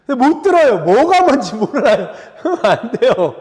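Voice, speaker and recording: A man preaching a sermon as pastor, in a conversational way that keeps asking the congregation to agree, and he acts out the scripture voices with dramatic pauses. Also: very high voice, big pitch swings, a little mellow. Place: church sanctuary. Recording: reverberant church sanctuary.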